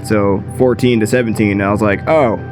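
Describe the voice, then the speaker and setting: A late-teen video creator tells a story in a casual storytime vlog, chatty, slangy and self-deprecating. His voice sits on the low side with a steady tone and a brisk pace, and music plays in the background.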